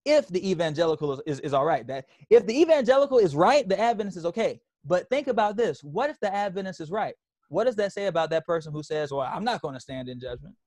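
A man's voice: high-pitched, big pitch swings, quick pace, a little mellow, no room sound. A man preaching a sermon as pastor, emphatic, repeating phrases and calling for responses from the congregation.

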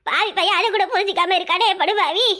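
A woman's voice: extremely high pitch, fast, bright, forceful tone. A woman voicing an elderly village mother in a cartoon comedy, who wails, scolds and laments. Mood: lamenting.

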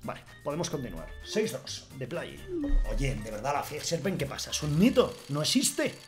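A young man with a Spain Spanish accent, swearing often as he streams himself opening game cases, swinging from grumbling to shouting. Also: fairly high pitch, sing-song, moderate pace. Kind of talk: excited gaming commentary. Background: background music.

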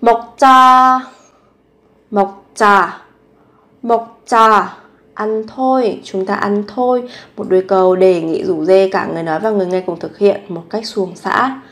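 A woman teaching short everyday phrases, repeating each one slowly before explaining it. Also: mid-range voice, fairly bright tone. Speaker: Korean language teacher. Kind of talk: Korean lesson explained in Vietnamese.

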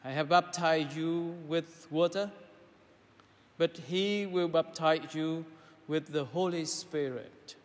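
A man, a priest, reading the Gospel and then preaching a homily, in a measured, pausing way with frequent hesitations, his voice carrying in a church with a cathedral-like echo. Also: on the high side. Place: large church. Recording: long reverberant church hall.

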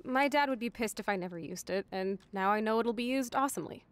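A woman's voice: medium pitch, fast talker, slight background noise, lightly acted. An American actress playing a rebellious, sweary punk girl of about nineteen in a video game, cocky and sarcastic. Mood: grateful, casual. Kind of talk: video game drama acting.

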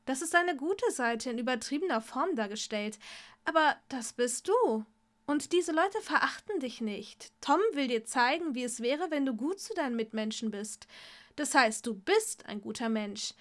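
A woman voicing a calm young witch teacher in a storybook reading, speaking softly and gently. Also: high-pitched, moderate pace. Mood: gentle. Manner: soft and gentle.

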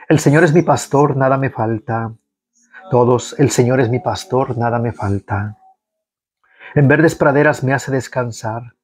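A man leading listeners through a recited rosary, reading psalms in a slow, measured devotional way and guiding the responses. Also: medium pitch, darkish tone. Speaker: prayer leader.

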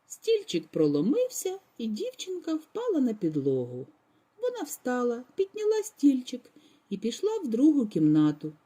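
A woman's voice: on the high side, huge pitch swings, normal speed, mellow, breathy edge. A woman kindergarten teacher reading a fairy tale aloud with dramatic expression, then quizzing the children on it.

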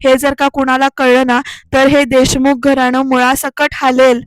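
Woman reading a stressed young wife from a tv serial, snappy, highish voice. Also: flat delivery, moderate pace, clean tone, dry recording, close to an everyday voice. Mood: distressed. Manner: agitated, snapping questions. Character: tense young wife, shocked and overwhelmed.

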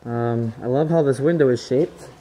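This is a young man's mid-range, warm voice at a moderate pace, heard through a rough recording. He's an urban explorer poking around a big abandoned resort indoors with a handheld camera, chatting and guessing what each room was, easily impressed along the way.

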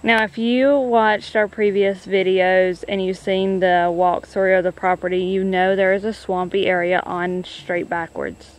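A young woman talking casually to camera from a wooded rural clearing, chatty and plainspoken. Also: medium pitch, little pitch movement, a little slow, few pauses. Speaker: homesteading vlogger. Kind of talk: casual vlog talk to camera. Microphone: camera at arm's length.

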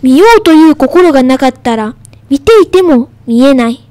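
A woman's voice: high-pitched, moderate pace, darkish tone, dry recording. A young girl, a radio guest, carefully reading a school poem aloud, a little nervous.

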